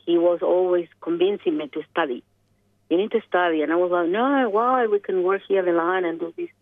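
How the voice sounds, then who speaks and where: A woman's voice: on the low side, a little fast, no echo. A woman from Chile with a Chilean Spanish accent, a guest in an interview, speaking reflectively and searching for her words. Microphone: telephone. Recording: dry, tinny phone line.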